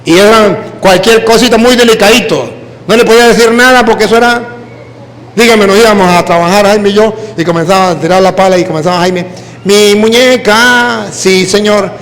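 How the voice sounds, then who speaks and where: A Venezuelan man, a priest, preaching a sermon full of lively personal stories in which he mimics the people he quotes. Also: sits high, brisk, in a large hall. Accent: Venezuelan Spanish.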